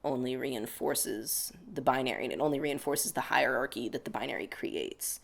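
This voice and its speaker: Fielding interview questions, a young American man reflects in a casual manner with many filler "like"s. His medium-pitched voice is creaky and a bit bright, at a normal speed.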